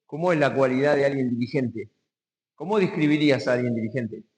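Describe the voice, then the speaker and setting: Preaching in a community hall with long reverb, this Rioplatense-accented pastor from Argentina has a mid-range, darkish voice. He questions his congregation and explains key words after reading verses slowly and emphatically.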